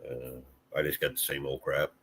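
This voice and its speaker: A man's voice: a bass voice, flat delivery, moderate pace, a bit bright, breathy edge. A man from Illinois chatting casually with live viewers, laid-back and rambling, with plenty of fillers and mild swearing. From Illinois, USA. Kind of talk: casual live-stream chat.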